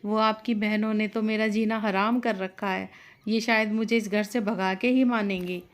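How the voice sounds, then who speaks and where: A woman voicing a meek, patient young daughter-in-law who answers softly and apologetically. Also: medium pitch, fairly even intonation, normal speed, natural voice. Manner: soft, apologetic.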